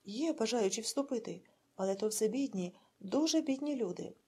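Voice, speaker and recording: A woman's voice: on the high side, animated, normal speed, darkish tone, slightly rough. A woman voicing a restless, eager male village communist and war veteran who answers in a hurry. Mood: earnest.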